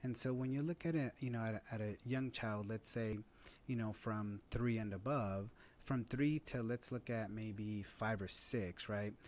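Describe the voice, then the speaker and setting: A man's voice: on the low side, a little slow, slight background noise. A man in his thirties explaining parenting ideas in an earnest conversational way, often tagging points with "right?". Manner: earnest, uses "right?" as a tag. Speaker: guest expert on parenting.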